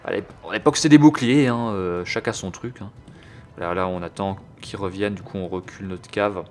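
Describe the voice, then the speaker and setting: A man's voice: deep voice, fairly even intonation, brisk. A young man casually commentating his strategy game, crude and joking while thinking aloud. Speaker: gameplay commentator. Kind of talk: casual let's-play commentary.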